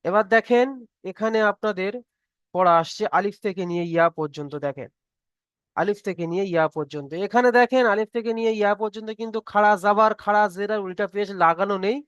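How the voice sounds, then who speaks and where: A man's voice: high-pitched, fast talker, a bit bright, clear, resonant tone, dry recording, lo-fi sound. A man teaching Quran reading in an online class, patient and repetitive, often checking that students follow. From Bengal. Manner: patient, repeats each point and checks understanding.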